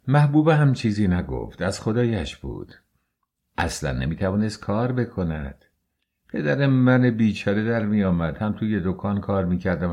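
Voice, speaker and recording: A man narrating an audiobook novel in a measured, unhurried storytelling manner. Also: lowish voice, darkish tone. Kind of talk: scripted narration.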